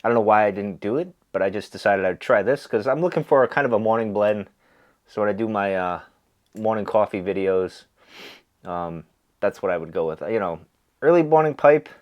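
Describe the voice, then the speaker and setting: In a casual, rambling chat, a pipe-smoking video host speaks with a low-leaning, stuffy, nasal voice. He's easygoing and keeps using fillers and restarting his sentences, and the audio is dull.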